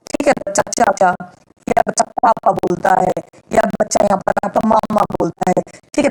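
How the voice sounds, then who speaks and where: A woman's voice: mid-range voice, darkish tone, poor audio. A woman teaching an exam-prep lecture, explaining step by step and asking and answering her own questions.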